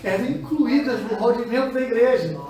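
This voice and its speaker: A man's voice: very high-pitched, fairly quick, crowd noise. A man preaching a sermon as pastor, pressing the congregation with call-and-response questions. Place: church hall with congregation. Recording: echoey church room, mic far off, congregation.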